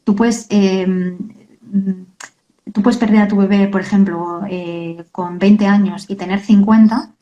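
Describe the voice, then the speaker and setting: Earnest woman, warm mellow voice. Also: medium pitch, fairly even intonation, lo-fi sound. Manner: earnest, halting, many tag questions. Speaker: author and guest. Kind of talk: emotional interview talk.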